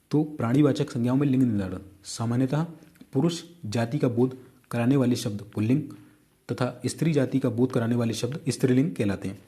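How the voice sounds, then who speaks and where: A man's voice: medium pitch, warm tone. A man with an Indian accent teaching an online exam-prep grammar lesson, repeating points and quizzing the listener with casual asides. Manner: casual asides while drawing on a board.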